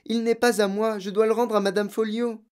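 A man's voice: high-pitched, little pitch movement, brisk, darkish tone, clean tone, pitched above the performer's own voice, lightly acted. A man voicing a clever, bookish little girl who speaks in a sweet, sugary tone in a storybook reading. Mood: pleading.

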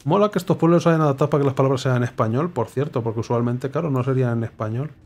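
Guy streaming a puzzle game, mutters clues to himself, middle pitch, yelps when he gets it. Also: racing. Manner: thinks aloud, muttering clues, sudden excited exclamations. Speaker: gameplay streamer. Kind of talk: casual puzzle game commentary.

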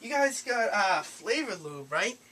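This young adult prank caller has a high, sing-song voice and talks a little slowly, sounding rambling, unsure and too chummy. He's indoors in a cramped, messy room, picked up by a handheld camera several feet off, and the amateur audio is noisy and full of clicks.

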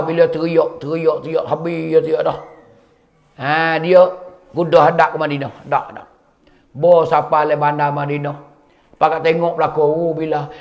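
Gravelly high-voiced Malay preacher storytelling. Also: male voice. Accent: Kelantan-Pattani Malay. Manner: dramatic storyteller, acts out wailing and dialogue. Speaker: religious teacher. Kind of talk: storytelling sermon.

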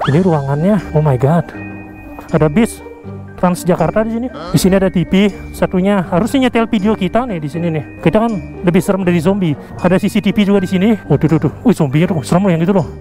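Fast and high with a dark tone, the voice belongs to a vlogger with an Indonesian accent. Filming on an action camera, worn or handheld, in an indoor theme park, he jokes, exclaims, and keeps his commentary casual and slangy while music plays underneath.

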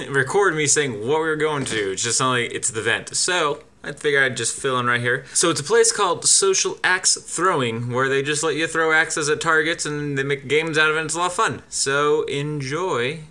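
A young man with a fairly high, sharp-toned voice hosts a casual road-trip vlog at a moderate pace. He talks easygoingly straight to a camera mounted in his car and facing him.

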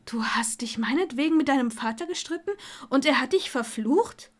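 A woman doing an indignant young witch, a little higher, snappy, audiobook. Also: animated, normal speed. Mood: irritated. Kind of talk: audiobook character voice.

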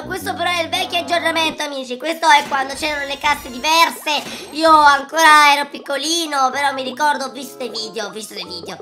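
A man voicing an excitable, dramatic little boy who squeals, shouts and sings out, in a gaming reaction video with game music behind. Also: extremely high pitch. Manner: squealing, shouting and sing-song outbursts. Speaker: YouTuber.

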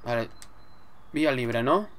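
A man's voice: mid-range voice, expressive, slow pace, fairly bright tone, slight background noise. A man with an accent from Spain giving casual, sweary gameplay commentary, muttering to himself as he plays. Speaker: gamer, let's player. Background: game music.

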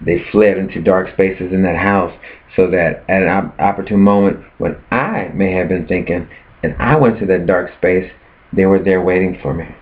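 A man with a very low voice preaches earnestly to camera, posing rhetorical questions. His words come through thin and tinny, like over a phone line. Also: normal speed. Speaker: preacher sharing his fast. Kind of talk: casual preaching vlog.

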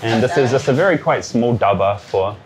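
A man's voice: medium pitch, expressive, brisk. Informal male vlogger with crowd chatter behind. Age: 30s. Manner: informal, explanatory. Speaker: travel vlog host. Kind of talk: casual chat and commentary to camera. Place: busy street and small tiled eatery.

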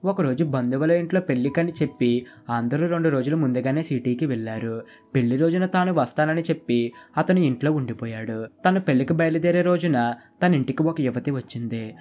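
A man narrates a village tale in a steady, measured storybook style. His voice sits at a middling pitch, and a gentle guitar plays faintly underneath the reading. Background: faint guitar music.

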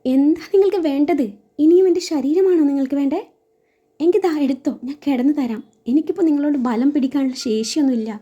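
A woman's voice: fairly high pitch, brisk, breathy edge. A woman voicing a wounded young wife. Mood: bitter, angry. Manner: quiet, wounded, tearful pleading. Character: young wife, hurt and angry. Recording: slightly dull audio, faint music.

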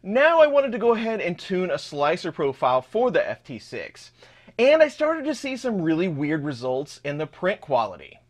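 Lively high-voiced man explaining a printer upgrade. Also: moderate pace. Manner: explains parts as he shows them. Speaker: channel host. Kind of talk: hands-on 3D printer build vlog. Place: home workshop, indoors.

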